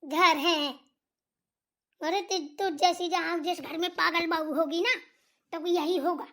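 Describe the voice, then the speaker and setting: Cartoon mother-in-law, shrill and nagging, hurling taunts and insults, a woman voicing her. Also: fairly even intonation, slow pace, bright, forceful tone, exaggerated voice. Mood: ranting. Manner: nagging, taunting, name-calling. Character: scolding shrill old village mother-in-law. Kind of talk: voice acting for a comedy cartoon.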